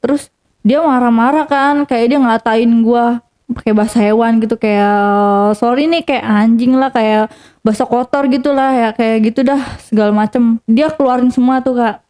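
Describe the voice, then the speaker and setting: A woman's voice: fairly high pitch, steady tone, moderate pace, a little mellow. A young woman telling a personal story casually to an interviewer, rambling with many fillers and restarts.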